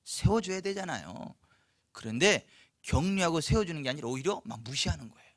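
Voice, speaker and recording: A man preaching a sermon at a church night service, telling the story lively and asking the congregation questions. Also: on the high side, brisk, no echo, studio quality. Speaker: pastor.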